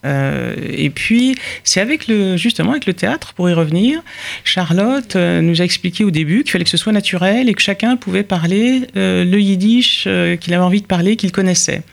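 A man's voice: high-pitched, lively intonation, moderate pace, gravelly. A man speaking as an interview guest, hesitant and often restarting his phrases. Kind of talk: radio interview.

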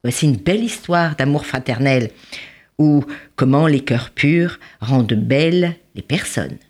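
A woman telling a children's tale in an expressive, sing-song way. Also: a bass voice, unhurried. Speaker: storyteller. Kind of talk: storybook narration for children.

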